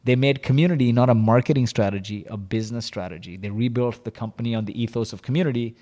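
A man who is a company co-founder, a guest in an interview, telling a candid personal story in an animated way with lots of "like" and "you know". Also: medium pitch, quick pace. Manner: animated, confessional, heavy use of "like" and "you know". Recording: long hall reverb.

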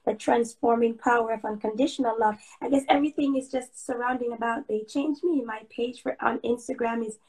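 A woman's voice: fairly high pitch, fairly even intonation, fairly quick, few pauses, a little mellow, poor audio. A woman from Jamaica, chatting as an interview guest on a livestream and talking with many "um"s and restarts. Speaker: guest, blogger and author. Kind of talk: casual interview chat. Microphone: livestream call.

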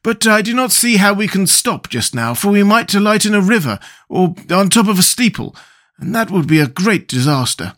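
A man's voice: high voice, expressive, moderate pace, hardly any pauses, a bit bright, voice pushed up. A man voicing a curious, fretful living scarecrow in a fussy, emphatic storybook manner. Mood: uneasy.

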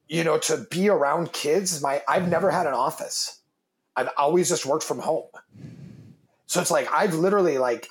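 A man in his thirties with a very deep voice speaks casually and emphatically as an interview guest, a business founder and father. He swears freely and repeats words as he gets his thoughts going. The recording sounds rough.

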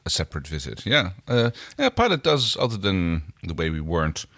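Deep-voiced man in a dry podcast chat. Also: big pitch swings, a little fast, gravelly, fairly bright tone, no echo. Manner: agreeable, searching for words. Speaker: podcast co-host. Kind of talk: casual chat reviewing a TV series.

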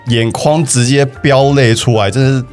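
A man's voice: medium pitch, steady tone, normal speed, soft background music. A young man with a Taiwanese Mandarin accent, casually telling a personal story on a podcast, hesitant and often repeating himself. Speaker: guest telling his breakup story.

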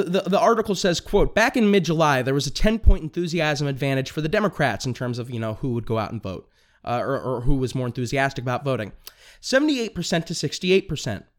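A young man hosting a political commentary podcast, talking fast and excitably, tripping over his words and restarting sentences. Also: on the high side. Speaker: podcast host.

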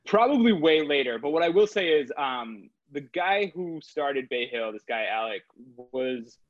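A man's voice: fairly high pitch, lively intonation, unhurried, no room sound. Rambling man with filler-heavy talk. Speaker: guest, crypto trader. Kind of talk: casual interview talk. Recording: dull, slightly lo-fi dry sound.

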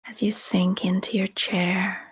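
Speaking in a very breathy, whispery voice, a woman leads a guided meditation as its guide and podcast host. Her scripted narration is slow and calm, with long pauses between soft, soothing instructions. Her pitch is mid-range for a woman.

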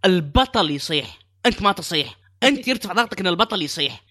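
A young man co-hosting a casual podcast, excitable and given to mocking impressions. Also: sits high, fast. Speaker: podcast co-host.

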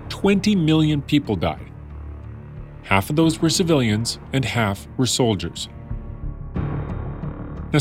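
A man's voice: mid-range voice, darkish tone. A man narrating a scripted story in a conversational way, with wry asides to the listener. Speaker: podcast narrator.

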